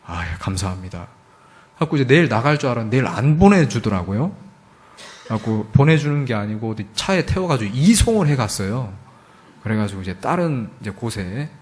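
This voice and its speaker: A man's voice: medium pitch, animated, fairly quick. A man, a missionary, giving an emotional testimony at a church service, telling his story with lots of fillers and acting out the dialogue. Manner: frequent filler words, emotional emphasis. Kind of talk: testimony sermon.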